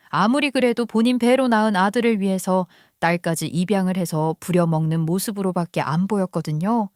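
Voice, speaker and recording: An older woman narrates a personal family story in a calm, confiding, scripted way. Her voice sits at a middle pitch and sounds dry and close to the mic. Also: dry recording.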